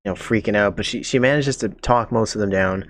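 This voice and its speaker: A man narrating a tabletop game as game master, in a casual, relaxed way. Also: on the low side, fairly quick, slight background noise.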